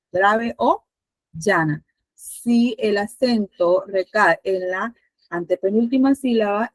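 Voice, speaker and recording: A woman's voice: mid-range voice, dry recording, rough recording. A Spanish teacher with a Panamanian accent, a woman, patiently asking her students questions with many fillers.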